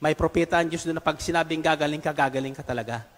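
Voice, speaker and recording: A man's voice: on the high side, quick pace, close to an everyday voice. A preacher voicing a patient, deferential male servant who speaks politely and coaxingly. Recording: long reverb of a large hall.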